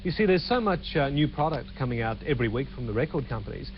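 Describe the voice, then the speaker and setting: Male reporter on a low quality stream. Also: sing-song, slight background noise. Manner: measured, clear scripted delivery. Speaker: entertainment news reporter. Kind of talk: TV news report narration with chat to the anchor. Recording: dull lo-fi copy of a low quality stream of a TV broadcast.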